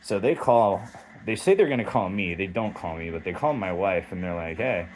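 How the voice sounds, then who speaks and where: A man's voice: deep voice, expressive, moderate pace, darkish tone, low-quality recording. A man delivering a heated, rambling, profanity-filled monologue straight to camera as a vlogger.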